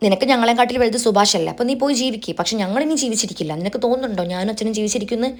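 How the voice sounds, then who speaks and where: A woman's voice: on the high side, rapid-fire, darkish tone, natural voice. A woman doing a scolding, domineering mother. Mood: angry, scolding. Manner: scolding, emotionally pressuring. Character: domineering middle-aged mother, anxious, controlling.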